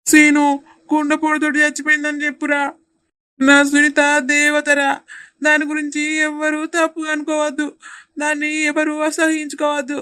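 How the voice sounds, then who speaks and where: A woman plays a guilt-ridden young husband from a village in a cartoon, pleading and weeping. The voice is high and flat in tone. Soft music plays under it. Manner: pleading, tearful and repetitive. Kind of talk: cartoon voice acting.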